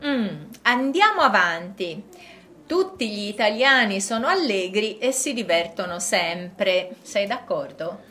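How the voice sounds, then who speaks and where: A woman speaking in a clear, measured way in a scripted dialogue for language learners. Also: medium pitch, lively intonation, bright, forceful tone. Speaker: dialogue partner in a language lesson.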